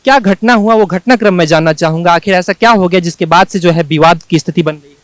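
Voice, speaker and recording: A male news reporter who introduces the story and interviews guests in a measured, formal way. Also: sits high, no echo.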